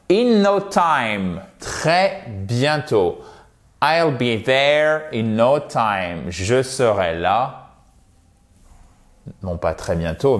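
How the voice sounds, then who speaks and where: Slow, lively male English teacher. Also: mid-range voice. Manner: lively, chatty, slows down to model English phrases. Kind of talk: French-language English lesson.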